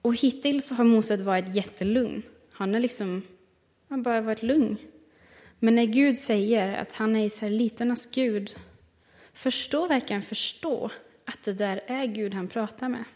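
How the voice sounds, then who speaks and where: A woman's voice: a little high, a little mellow. Woman preaching in a reverberant hall. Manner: reflective, slows down to stress single words. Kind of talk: sermon with Bible reading. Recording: long reverb of a large hall.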